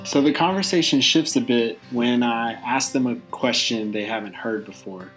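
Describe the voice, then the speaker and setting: A man's voice: medium pitch, normal speed, a bit bright, soft background music, rough recording. A man hosting an interview podcast in an informal, encouraging way, moving between conversation and narration.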